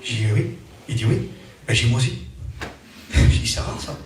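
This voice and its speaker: A man preaching a testimony sermon, telling a story with animated rises and falls in his voice. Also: medium pitch, normal speed, a little hiss or hum. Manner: animated storytelling, voice rising and falling. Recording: very echoey room, from far off.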